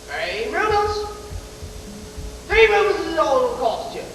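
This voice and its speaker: A high school actor playing a scheming tramp with a high-pitched, drawn-out showman's pitch, hustling every line. The voice is heard from far off in a very echoey school hall with long reverb and faint hiss, caught on an old camcorder. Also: wildly swooping pitch, a bit bright, exaggerated voice. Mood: pushy. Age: teens. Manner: theatrical salesman's patter, drawn-out emphasis. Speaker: student actor. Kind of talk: 1980s high school stage play. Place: school auditorium stage. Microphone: distant camcorder mic.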